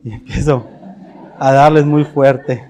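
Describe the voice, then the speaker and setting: A man's voice: mid-range voice, fairly even intonation, takes it slowly, warm tone. A middle-aged man with a Mexican Spanish accent, preaching a confessional sermon in an earnest way, often repeating words and restarting phrases. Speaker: pastor.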